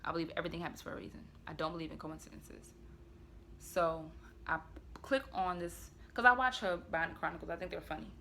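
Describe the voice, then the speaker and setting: A woman vlogger telling a personal story to the camera in an earnest, confessional way, often going quiet, with blunt words now and then. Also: fairly low pitch, fairly even intonation, fairly quick, vocal fry, slight background noise. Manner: blunt, with occasional swearing.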